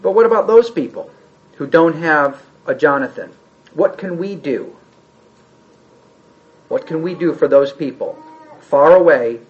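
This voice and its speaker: Animated man teaching a Bible class. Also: a little high, a little slow, pauses often. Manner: animated, acts out quotes, asks the room questions. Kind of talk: conversational Bible teaching to a group. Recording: roomy, dull lo-fi room recording.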